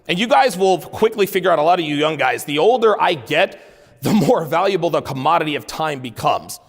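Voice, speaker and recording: A gravelly-voiced man in his forties delivers a blunt, profane keynote, his high voice swinging widely as he repeats his points for emphasis. The speech rings with the long reverb of a large conference hall. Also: expressive, fairly quick. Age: 40s. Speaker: keynote speaker. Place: conference hall with live audience.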